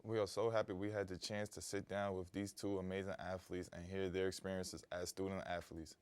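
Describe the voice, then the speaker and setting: A man's voice: low voice, flat delivery, a little fast, smooth. A man presenting a student feature in scripted narration. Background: faint music.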